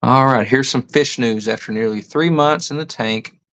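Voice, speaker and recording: A man's voice: medium pitch, normal speed, a bit bright, poor audio. A man hosting a casual livestream, reading viewer comments and musing aloud, often stopping to rethink his words. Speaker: livestream host.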